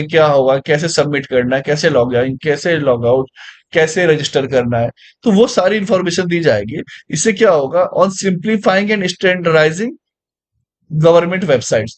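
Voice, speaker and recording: Guy teaching current affairs, kinda high voice, chatty, keeps asking "right?". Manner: conversational, asks listeners rhetorical questions; mixes English phrases into Hindi. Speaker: exam coaching teacher.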